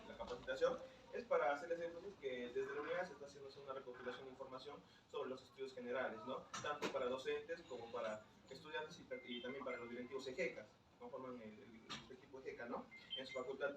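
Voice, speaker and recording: A man's voice: mid-range voice, fast, pauses often. A university staff man politely interrupting a training session to make an announcement. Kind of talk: making an announcement to a training group. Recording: distant mic in an echoey room with clear noise.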